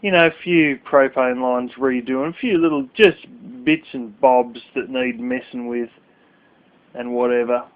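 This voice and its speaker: A man's voice: medium pitch, fairly even intonation, measured pace. Sleepy, blunt man on tinny audio. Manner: blunt, swearing, rambling. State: sleepy, yawning late at night. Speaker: vlogger. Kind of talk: casual rant to camera.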